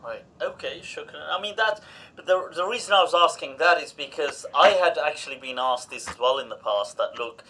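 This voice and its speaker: A man's voice: fairly high pitch, a little fast, sharp tone, slight background noise. A man hosting a podcast, asking long, rambling questions with many fillers. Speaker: podcast host. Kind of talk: conversational interview.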